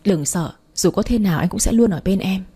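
A woman reading a gentle teasing young boyfriend. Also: medium pitch, a little fast, slightly rough. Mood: soothing. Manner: soft, reassuring, lightly teasing.

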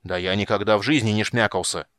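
Fizban, a man doing a loud fussy old wizard. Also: lowish voice, fairly quick, dry recording, clean studio sound, natural voice. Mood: indignant. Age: older. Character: old absent-minded male wizard, fussy and indignant.

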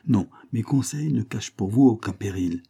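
A steady middle-aged lawyer, as a man reading voices him, giving counsel in a measured, grave way. The voice is low and dark with a husky grain. It sounds firm and composed, as in a read-aloud novel. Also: heavily acted. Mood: calm, firm.

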